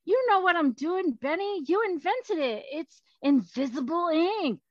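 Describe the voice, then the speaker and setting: A woman voicing the mischievous, boastful ghost of a colonial gentleman in a storybook reading, gleeful and showy. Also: very high voice, expressive, measured pace, dry recording, muffled recording, voice pushed up.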